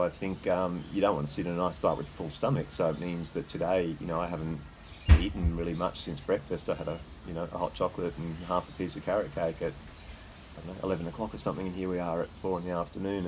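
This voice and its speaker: An Australian man talking casually and haltingly as host, with a slight cold shiver in his voice as he sits in icy water. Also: low-pitched, slight background noise, rough recording. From Queensland, Australia. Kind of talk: casual unscripted talk. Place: sitting in a freezer full of icy water.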